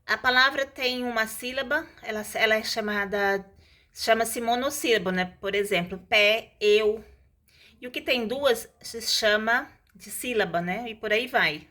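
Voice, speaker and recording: A woman's voice: on the high side, normal speed, bright, forceful tone. A woman teaching a lesson in a casual, explanatory way, stretching out example words and adding tag questions.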